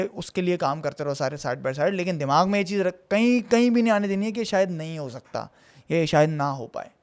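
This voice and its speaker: Male host, lively casual storyteller, voice a little high. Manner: animated, mixes Urdu with English phrases. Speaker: host and theatre actor.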